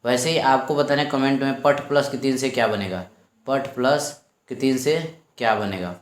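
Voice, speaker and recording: A man's voice: medium pitch, normal speed. Echoey male teacher explaining exam questions. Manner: explains step by step, repeats each question aloud. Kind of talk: exam-prep lesson. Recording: echoey room.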